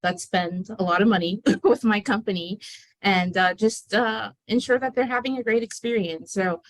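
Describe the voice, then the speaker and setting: A woman's voice: medium pitch, normal speed, poor audio. A woman in her thirties from the Bahamas, a guest author talking earnestly and reflectively with many fillers. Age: 30s. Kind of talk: conversational interview.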